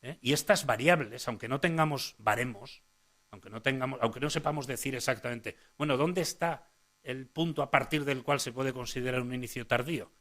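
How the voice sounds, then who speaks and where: A man gives a conference lecture on early speech, speaking at an average pitch for a man. He talks in a hesitant way, restarting phrases and checking in with "eh?" tags. He points listeners to the slides as he goes. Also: a little fast, a bit bright. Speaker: speech-language psychologist giving a conference talk. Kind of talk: conference lecture to parents and professionals.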